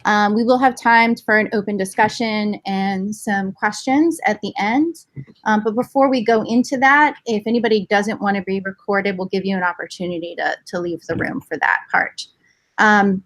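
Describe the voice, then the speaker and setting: A woman moderating a panel at an event, introducing the speakers with frequent ums in a relaxed, friendly way. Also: a little high. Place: indoor event room.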